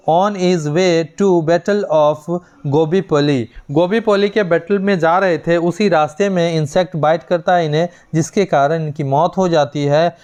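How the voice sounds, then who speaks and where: A young man teaching a poem, his voice a little high and very clean and smooth. He dictates English lines at a slow, careful pace and switches to quicker Hindi to explain them. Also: a little mellow. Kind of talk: classroom lecture mixing Hindi and English.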